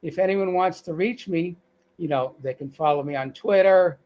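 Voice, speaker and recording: Speaking at normal speed in a high-sitting, darkish-toned voice, a middle-aged Boston-accented man joins a live video call as a guest. The interview is casual, and his speech is peppered with fillers and restarts.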